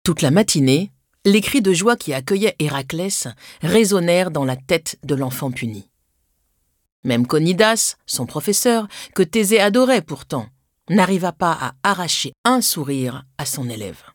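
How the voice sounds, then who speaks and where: A woman reads a children's storybook aloud as scripted narration. Her pitch moves a lot and rises on dramatic words. The sound is dry and close, with no room around it. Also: lively intonation, normal speed, no room sound.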